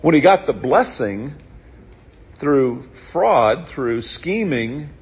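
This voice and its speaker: A man preaching in a church with a very husky, breathy voice. He reads scripture, then drops into easygoing, folksy asides. The recording sounds dull and lo-fi. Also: mid-range voice, lively intonation, takes it slowly. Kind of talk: sermon.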